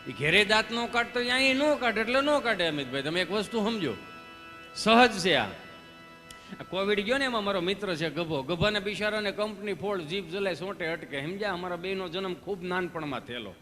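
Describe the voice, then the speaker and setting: A man's voice: sits high, lively intonation, fairly quick, sharp tone. A man doing live folk comedy on stage, telling folksy stories and acting out the dialogues. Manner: folksy storytelling, asks the audience questions, acts out dialogues. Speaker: stand-up comedian. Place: live stage show before an audience. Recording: stage hall reverb with faint music.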